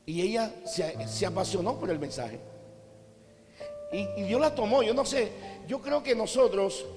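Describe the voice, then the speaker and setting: A man with a Colombian Caribbean coast accent preaching a sermon, telling stories and acting out quotes, sometimes rising to shouts. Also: high voice, expressive, measured pace. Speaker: apostle preaching. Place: large church cathedral. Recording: long church reverb with faint music.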